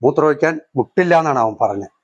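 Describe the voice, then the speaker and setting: A man's voice: mid-range voice, animated, fast talker, husky, dull audio. A man playing a desperate, pleading man who needs the toilet in a comedy sketch. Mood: confiding. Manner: pleading, keeps saying sister. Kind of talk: comic sketch acting.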